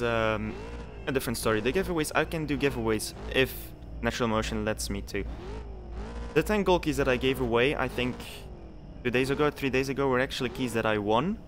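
There's background noise behind this medium-pitched male voice. He's a talkative young game streamer from Belgium giving casual live commentary, often saying things twice and reading the in-game text aloud.

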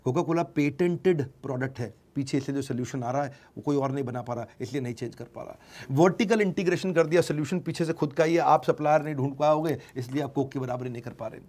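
A man giving an informal business lecture in a lively, emphatic way, now and then acting out what customers say. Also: medium pitch, quick pace. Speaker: business teacher.

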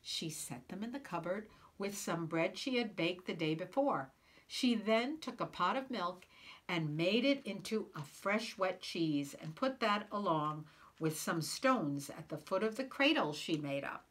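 A woman reading a picture book aloud at a children's storytime. She reads slowly and clearly, giving each phrase room. Her voice moves lively up and down through the narration. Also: fairly low pitch.

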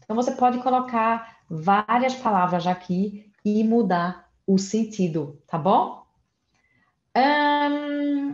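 A woman's voice: medium pitch, a little mellow, reverberant, muffled recording. A woman teaching German in a casual online lesson, spelling out letters and explaining pronunciation step by step.

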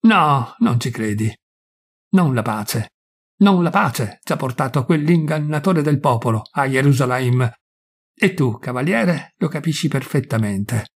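A proud, unbending high priest, as a man reading the story aloud gives him voice. He speaks with calm defiance in a husky tone, never yielding an inch. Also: measured pace. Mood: defiant.

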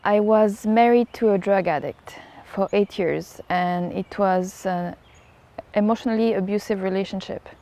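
A woman's voice: medium pitch, measured pace, warm tone. A woman from Poland speaking candidly in an interview while seated in a garden. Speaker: podcast host, interviewee. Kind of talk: interview talk. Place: garden, outdoors. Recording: faint music under the voice. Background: music.

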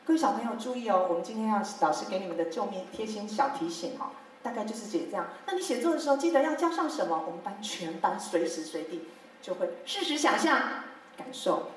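A woman teacher with a Taiwanese Mandarin accent speaks at medium pitch and a quick pace, sharing classroom methods through stories at a teachers' workshop. She plays out her pupils' lines and laughs along, recorded from far off in a very echoey hall with a little hiss or hum.

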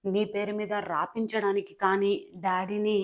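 A woman's voice: mid-range voice, level tone, moderate pace, close to an everyday voice. A woman voicing a pampered young daughter in a serial recap, speaking in an anxious, pleading way.

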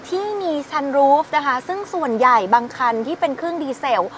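A woman's voice: high voice, normal speed, a bit bright, slight background noise. A young woman giving a chatty, gushing walkaround review of a car and talking straight to the viewers. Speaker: used car sales presenter.

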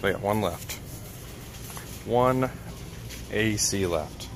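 A man's voice: lowish voice, drawn-out words. Chatty man vlogging. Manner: chatty and upbeat, talks to viewers as he goes. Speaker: vlogger and truck driver. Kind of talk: casual vlog narration to camera. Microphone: handheld camera. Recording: noisy handheld recording.

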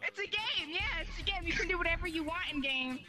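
A woman's voice: very high voice, lively intonation, quick pace. A teenage girl in a voice chat game, defending herself bluntly and swearing. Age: teens. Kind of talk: casual gaming banter.

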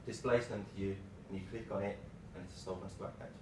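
A man in his thirties giving an informal tech lightning talk in short, halting phrases. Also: deep voice, fairly even intonation. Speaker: tech presenter, developer. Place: small meeting room, indoors. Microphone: far camera microphone. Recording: roomy, distant mic with clear background noise.

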